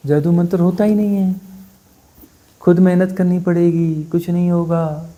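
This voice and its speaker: A spiritual teacher giving a satsang discourse, talking conversationally and bluntly, often pausing to ask his listeners for agreement. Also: sits high, little pitch movement, mellow. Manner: conversational, keeps asking "है ना?" for assent; blunt and dismissive, mocking.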